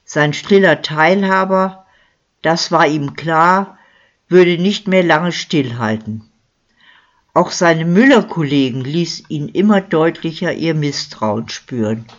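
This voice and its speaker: Storybook narrator, slow and measured, dull lo-fi sound. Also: mid-range voice, lively intonation. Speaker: audiobook narrator. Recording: dull lo-fi recording.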